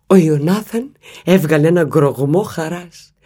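Man narrating an audiobook, breathy. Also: on the high side. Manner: measured, even storytelling.

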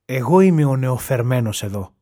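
A man's voice: mid-range voice, close to an everyday voice. A man voicing an eager, earnest young male seagull in an audiobook. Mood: modest. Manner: eager, excited. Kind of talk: audiobook reading.

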